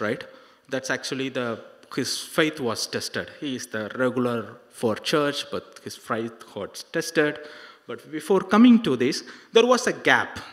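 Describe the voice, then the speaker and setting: A middle-aged man preaching a story to young people, haltingly, with repetitions and rhetorical questions, into a handheld microphone. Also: mid-range voice, fairly bright tone. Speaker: preacher at a youth service. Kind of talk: sermon telling a life story. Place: large indoor hall on a stage. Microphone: handheld microphone held close. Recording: hall reverb on handheld microphone.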